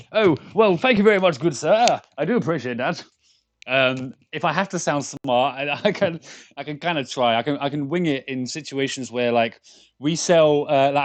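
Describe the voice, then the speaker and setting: An English man from London in his thirties, a game developer chatting casually with viewers on a live stream, rambling with stammered restarts and frequent laughs. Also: medium pitch. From London, England.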